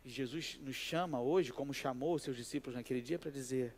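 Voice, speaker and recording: A man, a pastor giving a sermon in an animated, conversational way and telling a personal story. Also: mid-range voice, brisk. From Brazil.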